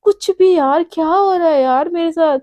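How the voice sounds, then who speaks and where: A woman's voice: extremely high pitch, moderate pace, warm tone, dry recording, voice pushed up. A woman voicing a chatty young junior woman colleague who grumbles to herself, in a told love story. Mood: grumbling.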